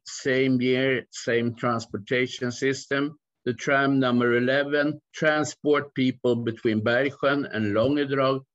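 A man in his sixties delivers an academic conference talk at an unhurried, deliberate pace. He speaks from a home study over a video call, and the audio sounds somewhat dull and muffled. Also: mid-range voice. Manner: measured, slow lecturing with fillers. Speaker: academic presenter.

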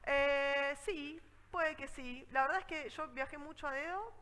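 Mujer rioplatense de voz brillante, anécdotas. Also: female voice, high voice, measured pace, big-room sound, rough recording. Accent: Rioplatense Spanish. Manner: lively storytelling, acts out scenes. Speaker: travel speaker. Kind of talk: conference talk with anecdotes.

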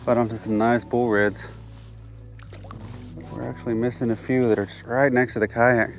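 A man narrating his fishing trip from a kayak outdoors, excited and repeating himself, a bit out of breath from the heat. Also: medium pitch, moderate pace, soft background music. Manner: excited, repeats phrases, drops to hushed whispers when sight casting. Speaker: fishing channel host. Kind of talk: casual outdoor narration to camera. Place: kayak on open water outdoors.

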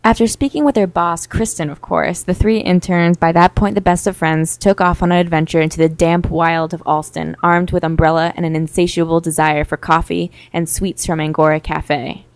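Young woman narrator, low-ish voice, deadpan mock-heroic delivery, dry close sound. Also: moderate pace, few pauses, dry recording, low-quality recording. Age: young adult. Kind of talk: mock-epic storybook narration.

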